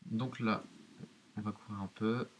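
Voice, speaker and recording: A man's voice: lowish voice, fairly even intonation, a little slow, lo-fi sound. A man giving hesitant, explanatory let's-play commentary of a horror game, talking directly to his viewers. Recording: hissy home recording.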